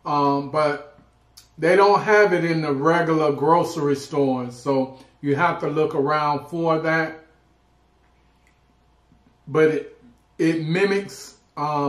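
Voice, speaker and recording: A man hosting a casual eating vlog, chatting informally and pausing often mid-thought. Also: fairly high pitch. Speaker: food vlog host. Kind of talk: casual mukbang chat while eating. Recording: roomy, echoing indoor sound.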